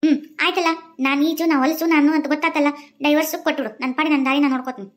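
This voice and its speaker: Woman as cold young wife, North Karnataka accent, quick and contemptuous. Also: high voice, steady tone, close to an everyday voice. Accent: North Karnataka Kannada. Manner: contemptuous, dismissive.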